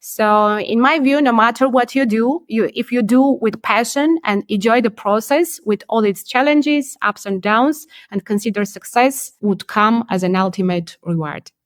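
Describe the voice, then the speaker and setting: Woman, measured and thoughtful. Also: a little high, no room sound. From Armenia. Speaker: podcast guest, company CEO. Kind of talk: remote podcast interview.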